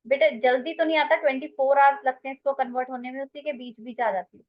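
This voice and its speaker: A woman's voice: sits high, fairly even intonation, fast, muffled recording. Hindi-speaking woman teaching English grammar. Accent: Indian English. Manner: addresses students as beta, mixes Hindi and English. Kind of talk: online grammar class.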